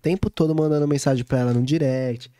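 A man's voice: medium pitch, steady tone, fast talker, dark tone. A man hosting a podcast, asking a guest a question in a curious, careful way. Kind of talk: casual interview questions.

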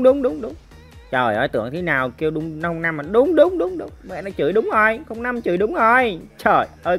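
Lady gamer yelling piu piu sound effects over her match, lowish voice, faint music behind. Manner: excitable, makes shooting sound effects, chats to viewers. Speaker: mobile game streamer. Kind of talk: live gameplay commentary.

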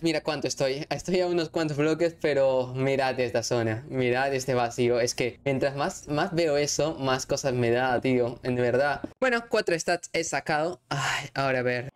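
A man giving excitable let's-play commentary as a gaming YouTuber, chatting to his viewers with sudden outbursts. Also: medium pitch, a little hiss or hum.

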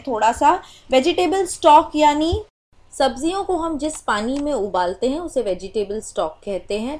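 A woman explaining a recipe step by step in a voice-over cooking tutorial, with many small filler phrases. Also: fairly high pitch. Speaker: cooking channel host.

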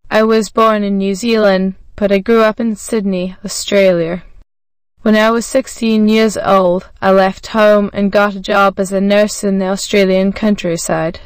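Smooth, dry-voiced woman narrator. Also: medium pitch, no echo. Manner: even, measured reading that voices every symbol literally. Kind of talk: scripted narration of a graded reader.

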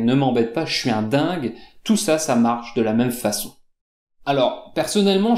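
A man teaching French, explaining slang slowly and patiently to learners, repeating examples and asking "d'accord?" with frequent fillers. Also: medium pitch, a little mellow, echoey room.

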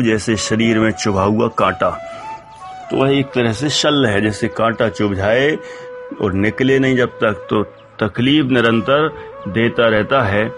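A man teaching a religious text, explaining each term one by one and asking listeners to repeat the verses after him. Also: mid-range voice. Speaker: teacher of scripture.

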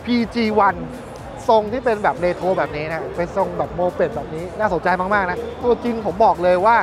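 A man in his thirties presenting bikes at a busy indoor motor show in a lively, chatty way, speaking into a lapel mic. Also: high-pitched, a little fast, a crowd in the background. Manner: lively, chatty, points things out. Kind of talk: casual walkaround presentation. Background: music.

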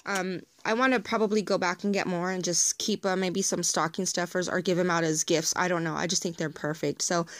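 A woman with a raspy voice, chatting in a rambling, friendly way straight to her viewers in a casual haul video. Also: fairly low pitch, steady tone, a little fast, hardly any pauses, no room sound. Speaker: haul vlogger.

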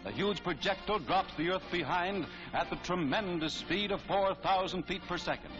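A high-voiced man gives brisk, declamatory narration for an old 1940s newsreel. The sound is dull and lo-fi like archive film audio. Music plays clearly behind him.

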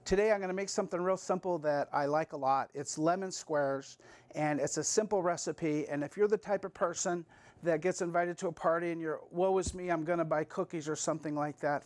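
A middle-aged man with a fairly high voice walks viewers through a recipe in a small basement kitchen. He talks in a chatty, folksy way, straight to the folks at home. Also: no room sound. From Massachusetts, US. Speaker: cooking show host. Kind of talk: homey cooking demonstration. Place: basement kitchen of a town hall.

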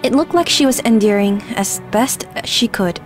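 A woman's voice: medium pitch, lively intonation, moderate pace, soft background music. A woman streamer reading game narration aloud with earnest storytelling and wry asides.

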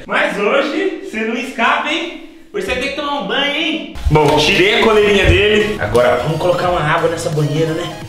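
A young man with a Brazilian accent vlogging casually, talking in slang to his viewers and his dog. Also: high voice. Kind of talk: casual vlog talk. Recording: voice with loud background music.

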